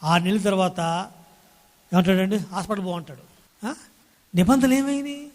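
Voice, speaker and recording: Male pastor, high pitch, animated sermon with call-and-response, church hall with long reverb. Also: normal speed. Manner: animated preaching, calls Praise the Lord and hallelujah to the congregation; acts out quoted spouses in everyday scenes. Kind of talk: Sunday sermon.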